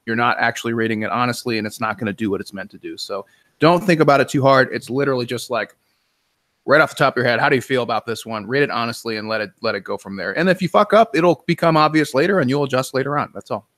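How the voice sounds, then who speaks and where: A man's voice: medium pitch, expressive, fast talker, a bit bright, dry recording. A man co-hosting a casual webinar Q&A, giving blunt, casual advice with some swearing. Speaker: co-host.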